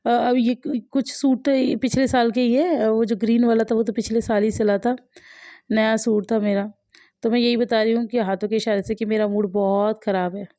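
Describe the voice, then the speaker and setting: A woman's voice: fairly high pitch, little pitch movement, normal speed, mellow, dry recording, clean studio sound. A woman from India, a mother chatting casually over her family vlog, wry and self-mocking, laughing often.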